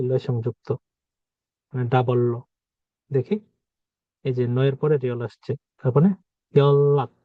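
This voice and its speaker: Guy explaining pronunciation rules slowly, says each word twice, mid pitch, tinny dry sound. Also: no room sound. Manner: patient, repeats each example word. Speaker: language teacher. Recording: dry, phone-like narrow sound.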